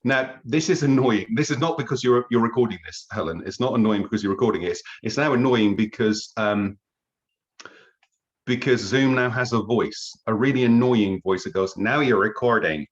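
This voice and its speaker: A man's voice: lowish voice, moderate pace. A man in his fifties leading an online webinar as trainer, chatty and self-deprecating with jokey grumbles, over a video call. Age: 50s. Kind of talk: casual online workshop talk. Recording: slightly dull lo-fi call audio.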